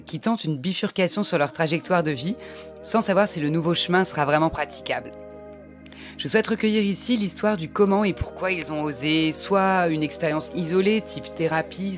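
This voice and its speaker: A woman with a French accent hosting a podcast, reading a measured scripted intro and then chatting with her guest. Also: on the low side. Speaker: podcast host.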